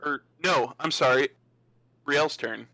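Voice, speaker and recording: Chill guy running a tabletop game, bright tense voice, dry close sound. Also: a little high, takes it slowly, no echo. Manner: laid-back, laughing, slangy. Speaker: dungeon master.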